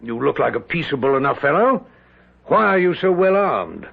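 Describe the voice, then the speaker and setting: A man's voice: a little high, big pitch swings, normal speed, creaky, breathy edge, exaggerated voice. A man playing a pompous, sardonic British general and vain playwright in a 1970s radio drama, speaking in florid, theatrical style with a British accent. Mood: mocking, commanding. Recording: dull lo-fi vintage radio broadcast.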